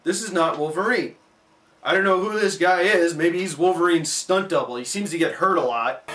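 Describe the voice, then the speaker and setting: A man reviewing a cartoon in a sarcastic, exasperated comedic rant that swings into shouting. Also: high voice, normal speed, soft background music.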